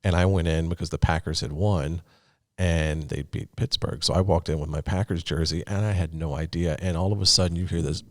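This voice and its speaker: A man's voice: low voice, fairly even intonation, fairly quick, no echo, clean studio sound. A man hosting a casual interview podcast, telling profane stories and putting on voices when he quotes people. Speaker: podcast host.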